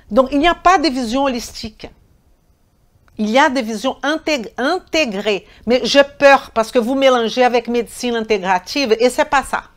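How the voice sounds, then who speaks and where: A woman with a foreign accent teaching a live online nutrition class. She talks emphatically, repeats words and corrects herself, and answers chat questions directly. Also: on the high side. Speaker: nutrition trainer.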